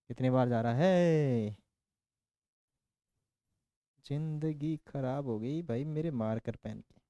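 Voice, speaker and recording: A man's voice: medium pitch, warm tone, no room sound. A man teaching a maths lesson in a casual, playful way, working through sums aloud with jokey stories and constant check-in questions. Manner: counts out working steps aloud.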